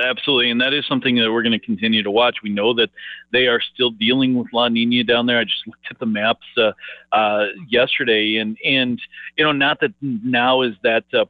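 A man speaking over the phone as a market analyst guest, halting and full of filler words and restarts. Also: medium pitch, fairly even intonation, no room sound. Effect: heard over the phone. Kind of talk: phone interview on grain markets. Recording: tinny phone line, dry.

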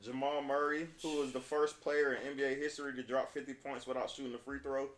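A man with a mid-range, fairly flat voice talks fast as he hosts a relaxed basketball show, running through stats and news in a slangy, easygoing bro manner. The room has a noticeable echo.

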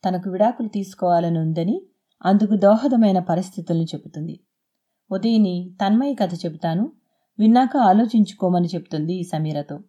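A woman narrating a serialized audio novel in a steady, expressive reading. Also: mid-range voice. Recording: dull lo-fi.

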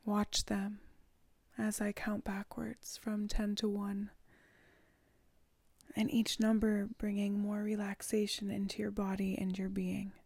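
A woman leading a guided meditation, speaking slowly and softly, often dropping into a whisper. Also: medium pitch, completely flat delivery, creaky, no room sound. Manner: slow, soft and soothing, often whispered.

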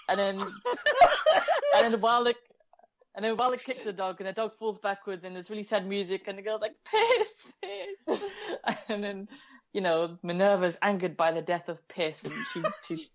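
A man's voice: high-pitched, brisk, background noise. A man co-hosting a casual podcast, telling stories with lots of giggling. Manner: giggly, animated storytelling. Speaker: podcast co-host. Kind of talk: casual chat.

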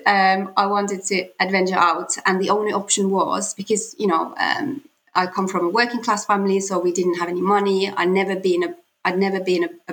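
A woman's voice: mid-range voice, fairly bright tone, poor audio. A woman in her forties from Finland with a Finnish accent, a podcast guest telling her story in a hesitant way, with many fillers and restarts. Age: 40s. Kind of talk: casual interview talk.

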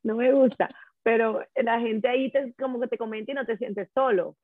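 A woman's voice: fairly high pitch, fairly even intonation, moderate pace, dry recording. Female podcast co-host, chatty storyteller, narrow lo-fi phone sound. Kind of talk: casual podcast chat.

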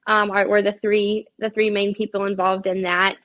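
A young adult woman giving casual interview answers in an upbeat, earnest way, speaking from a quiet room. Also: medium pitch, little pitch movement, normal speed. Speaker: podcast guest, family farm-consulting business co-runner. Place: quiet space in a college library.

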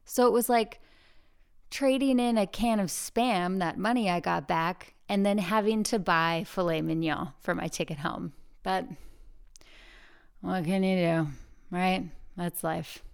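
A woman hosting a podcast in casual, chatty talk, recorded alone in a huge, high-ceilinged room with lots of echo on a portable travel mic. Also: fairly even intonation, measured pace, vocal fry, clean tone. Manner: chatty and bubbly, jokey asides. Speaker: podcast host. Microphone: portable travel microphone.

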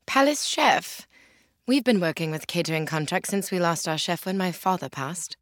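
An actress playing a composed, reserved young princess who speaks in a poised, formal way. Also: female voice, on the low side, very animated, normal speed, dry recording, clean studio sound. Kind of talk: audio drama acting.

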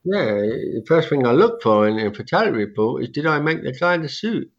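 A man's voice: mid-range voice, sing-song, fairly quick. Toothless older man, dull lo-fi sound. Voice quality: toothless, slurred speech from having all teeth out. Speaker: interview guest, veteran skydiving suit maker. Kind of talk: casual reminiscing in an interview.

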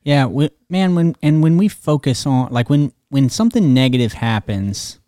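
A man's voice: mid-range voice, expressive, normal speed, mellow, no echo, studio quality. A man chatting casually and earnestly on a podcast, often restarting his phrases.

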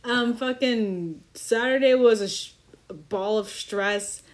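A woman's voice: on the high side, slow. Rambling, swearing young woman host. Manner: rambling, swearing, self-deprecating. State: slightly intoxicated. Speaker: podcast host. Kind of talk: casual chat.

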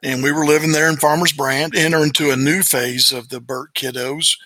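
A man's voice: fairly high pitch, fairly even intonation, normal speed, pushed and bright, no echo. A man in his late fifties, an interview guest and former coach, telling family stories in a casual, folksy, plain-spoken way. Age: late 50s. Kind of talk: casual storytelling.

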